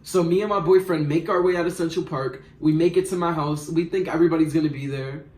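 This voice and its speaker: A man's voice: on the high side, fast talker. A young man tells a rambling, slangy story in a casual storytime. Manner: slangy, rambling, animated retelling. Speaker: vlogger. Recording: roomy echo.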